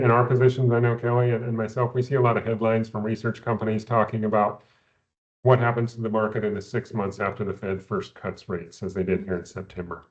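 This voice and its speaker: A man, an investment adviser, explaining economics in a measured way, often repeating words at the start of phrases, heard over a video call. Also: lowish voice, a little mellow, muffled recording. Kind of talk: explaining economics in a recorded company Q&A.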